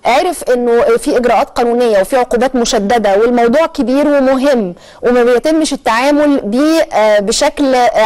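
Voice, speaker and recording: A woman with an Egyptian accent hosting a televised current-affairs show, explaining at length with frequent drawn-out hesitations. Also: a little high, darkish tone. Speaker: TV talk show host.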